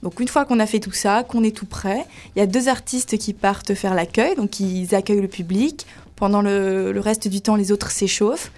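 In an interview, a chatty woman who dances in cabaret walks through her daily routine in lively detail. Her voice is medium-pitched and her speed normal, with faint music in the background.

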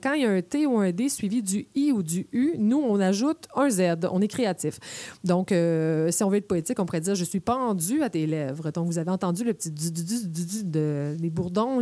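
Playful Québécoise woman with a mellow voice. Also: medium pitch, dry recording. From Quebec. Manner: playful, explains using spoken examples. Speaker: radio columnist. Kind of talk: explanatory radio chat.

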